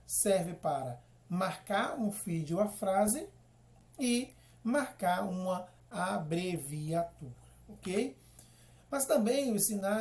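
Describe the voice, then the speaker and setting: A woman's voice: mid-range voice, warm tone, echoey room. Woman teacher explaining patiently. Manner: explains step by step, checks in with "ok?" and "né?". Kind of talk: classroom explanation.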